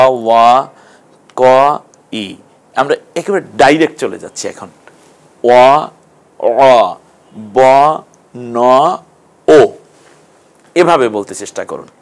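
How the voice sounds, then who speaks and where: A middle-aged man teaching an online Quran class, slowly drawing out Arabic letter sounds for learners to repeat. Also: mid-range voice.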